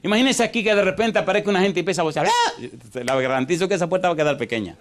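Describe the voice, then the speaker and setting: A man preaching a sermon as pastor, animated, quizzing the congregation with repeated yes-or-no questions and swinging between rushed and drawn-out delivery. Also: high voice. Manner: animated, shifts pace from fast to drawn out.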